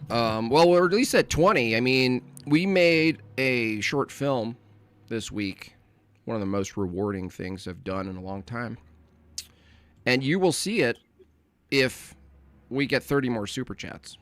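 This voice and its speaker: A man's voice: mid-range voice, expressive, slow pace, long pauses. A man co-hosting a podcast in loose, teasing banter, rambling and laughing at his own jokes. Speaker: podcast co-host. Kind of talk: casual banter.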